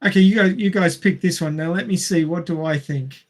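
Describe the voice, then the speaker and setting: A man with an Australian accent runs a casual quiz among friends, reading out questions and chatting. His voice is high-pitched and a little fast.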